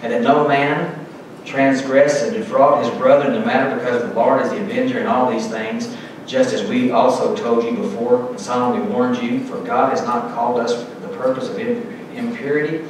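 Inside a church sanctuary, a pastor at the pulpit reads scripture aloud earnestly and emphatically while preaching. He is a middle-aged man with a medium pitch, steady tone, and moderate pace, heard from far off amid echo and background noise.

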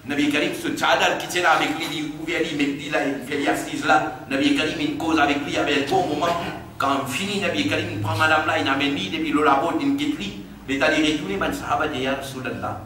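A man with a Mauritian accent preaching on the Quran. He recites Arabic verses quickly, translates them line by line, and drops to a hushed, low tone when telling stories. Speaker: Islamic preacher. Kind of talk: sermon explaining Quran verses. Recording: very echoey hall, distant mic, faint noise.

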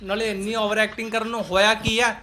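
Very high, bright sarcastic Punjabi man. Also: flat delivery, fairly quick, slight background noise. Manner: sarcastic, teasing, colloquial. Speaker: host of a roast reaction channel. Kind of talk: mocking reaction commentary.

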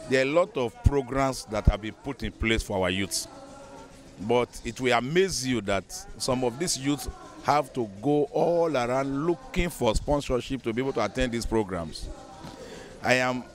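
A Nigerian man in his fifties, a bishop, speaking earnestly and measuredly in an outdoor news interview into a handheld microphone. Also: mid-range voice. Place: outdoors beside a building.

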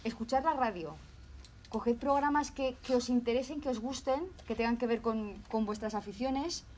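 A woman's voice: a little high, darkish tone, a little hiss or hum. A woman from Spain with a Zaragoza accent, a language teacher giving a casual video lesson with many fillers and restarts. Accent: Zaragoza Spanish. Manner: chatty, many fillers and restarts, acts out examples.

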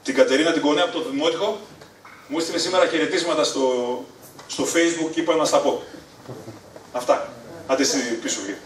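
A middle-aged man from Thessaloniki, Greece, tells family stories to a live audience, animated and springing up into excited high notes at the punchlines. His fairly high voice rings through an echoey room. The mic sits some way off, with faint noise behind him. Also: pauses often, distant mic. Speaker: stand-up storyteller. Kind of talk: live stand-up storytelling. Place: live venue on stage.

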